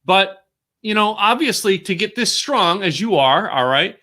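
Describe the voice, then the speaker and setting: A man hosts an interview show over a video call from a home office. His voice sits a bit high and sounds bright and forceful. He is chatty and often stammers and restarts his sentences. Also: lively intonation, measured pace. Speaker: show host.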